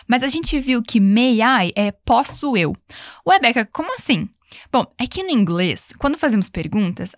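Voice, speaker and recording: A young Brazilian woman with a slightly high voice teaches an English lesson. She repeats each phrase slowly and patiently so the learner can follow. The sound is dry and close, with no room echo. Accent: Brazilian Portuguese. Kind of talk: language lesson.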